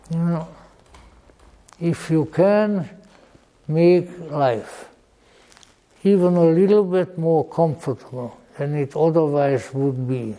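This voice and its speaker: An elderly man speaks with a Hungarian accent in a mellow voice that sits a little high for a man. He reminisces to listeners slowly and deliberately, often halting. His wording is formal and old-fashioned, with a dry sense of humour. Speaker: lecturer. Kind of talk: informal rambling reminiscence to an audience.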